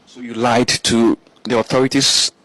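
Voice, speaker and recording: A man's voice: medium pitch, little pitch movement, normal speed, a bit bright. Pressing male interviewer. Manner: pressing, repeats pointed questions. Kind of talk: confrontational interview and news report.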